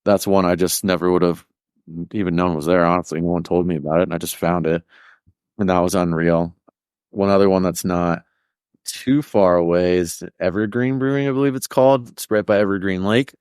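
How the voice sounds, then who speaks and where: A man's voice: low-pitched, fairly even intonation, a little fast, darkish tone, clean tone, no echo, studio quality. A man from Colorado as a podcast guest in casual chat, easygoing and slangy. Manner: easygoing, laughs often, slangy.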